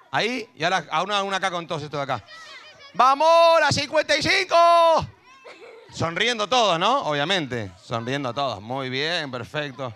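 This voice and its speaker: Guy hosting a school stage show, bright voice, kinda high, jokey and chatty. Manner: chatty and jokey, mixing shouted cheers with low asides. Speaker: event host.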